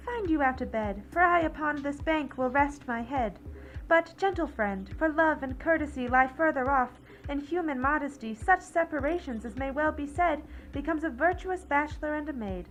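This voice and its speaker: A woman acting a gentle young woman in a home Shakespeare production, speaking verse softly. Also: high-pitched, lively intonation, normal speed, poor audio. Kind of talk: amateur home Shakespeare performance.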